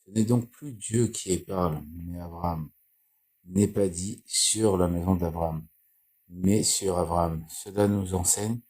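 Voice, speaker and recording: A man reading and explaining Torah commentary in a slow, halting way, with restarts and repeated phrases. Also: low voice, mellow, breathy edge. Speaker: Torah teacher.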